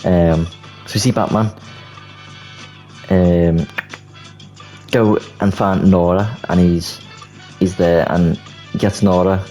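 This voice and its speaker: A young man talks through an imagined film plot in a loose, rambling way, packing in filler words. His voice sits very low. Faint background music runs under him. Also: steady tone, slow pace, pauses often. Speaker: video creator. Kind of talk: casual movie commentary. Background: soft background music.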